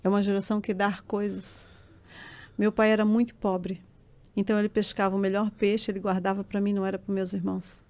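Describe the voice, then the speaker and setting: A woman's voice: mid-range voice, level tone, brisk, darkish tone. A middle-aged woman, giving an earnest and emotional personal testimony as a podcast guest. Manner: earnest, emotional storytelling that swells into tearful intensity.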